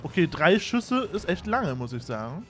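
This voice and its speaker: A man giving casual gameplay commentary, excitable and self-mocking, shouting at his own fails. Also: high-pitched, moderate pace, loud music behind the voice. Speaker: gaming YouTuber. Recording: game sounds behind.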